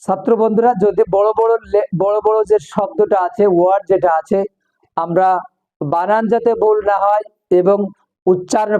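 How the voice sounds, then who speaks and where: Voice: mid-range voice, dark tone, low-quality recording. A teacher giving a recorded English lesson. The teacher repeats each word several times and breaks words into their parts. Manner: switches between English and Bengali explanations.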